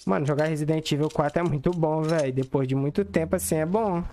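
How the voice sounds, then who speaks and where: A man's voice: fairly high pitch, fast, dark tone. A young man with a Brazilian Portuguese accent giving slangy, chatty commentary while streaming a game and talking to his chat. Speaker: gaming streamer. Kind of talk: casual gameplay commentary.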